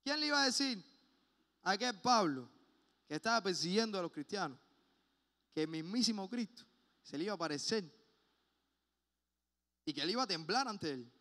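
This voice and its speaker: A man preaching a sermon in a church, passionate and emphatic, at times dropping to a quiet personal tone. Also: high voice, sing-song, normal speed, creaky, pauses often. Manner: impassioned, swings between loud emphasis and hushed personal asides. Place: church sanctuary. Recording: long hall reverb.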